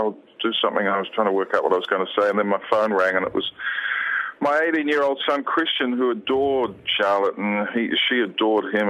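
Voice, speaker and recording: Older man from New Zealand, radio guest; bright, pressing voice, halting, emotional, keeps restarting. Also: on the low side, highs cut off. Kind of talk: phone interview on radio.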